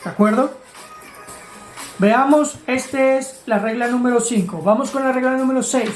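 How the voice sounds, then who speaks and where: A woman's voice: high-pitched, moderate pace, faint music behind. A woman teaching grammar, explaining rules step by step in a patient way and asking her students questions. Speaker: English teacher.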